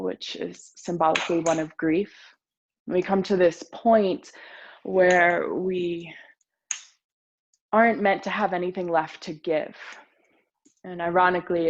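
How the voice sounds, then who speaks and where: A woman yoga teacher guiding a meditation in a gentle, soothing voice with pauses. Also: on the low side, dull audio. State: a little nervous. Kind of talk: guided meditation talk.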